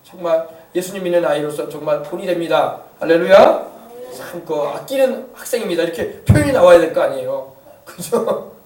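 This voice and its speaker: High-voiced pastor guy preaching fast, mic far off in an echoey church. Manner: animated preaching with call-and-response and acted-out quotes. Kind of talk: sermon. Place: church sanctuary.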